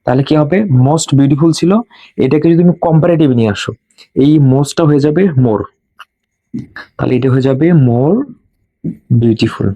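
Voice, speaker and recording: Male grammar tutor, patient rule-drilling delivery, warm low timbre, dead dry room. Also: dry recording. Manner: slow and drilling, repeats rules for students to memorize. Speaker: English grammar teacher. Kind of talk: classroom lesson.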